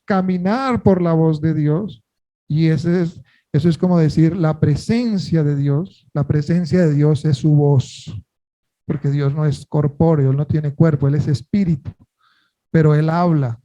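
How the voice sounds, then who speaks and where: A man with a high voice and a mellow, warm tone preaches a sermon. He keeps asking the congregation questions and then answers them himself. He leans on important words by drawing them out slowly. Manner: earnest, stresses key words by slowing down.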